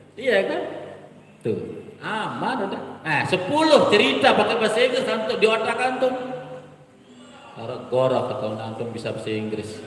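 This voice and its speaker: A man training Quran teachers in a workshop, explaining storytelling with lively, animated delivery. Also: a little high. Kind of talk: workshop lecture. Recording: echoey hall, distant mic.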